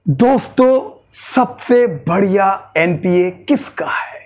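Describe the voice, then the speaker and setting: A man teaching presentation skills in a lecture that mixes Hindi and English, animated and demonstrative, often checking in with "right?". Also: slow pace. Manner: animated, demonstrates delivery by shifting pitch and emphasis, frequent "right?".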